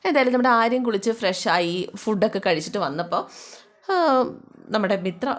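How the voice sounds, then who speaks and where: A woman's voice: medium pitch, brisk. A woman telling a family story in a chatty, colloquial way, talking straight to her listeners. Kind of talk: casual spoken storytelling.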